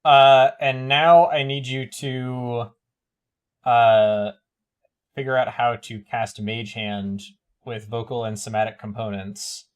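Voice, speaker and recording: A man's voice: medium pitch, steady tone, slow, clean tone. Man running a tabletop game. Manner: directive, calling for rolls and describing scenes. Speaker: game master.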